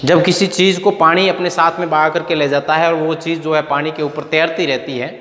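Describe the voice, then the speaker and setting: A man's voice: a little high, fairly even intonation, fairly quick, a bit bright. A male school English teacher explaining a lesson and spelling out words one letter at a time, then giving their meanings. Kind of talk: recorded classroom lesson. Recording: roomy echo with long reverb and faint noise.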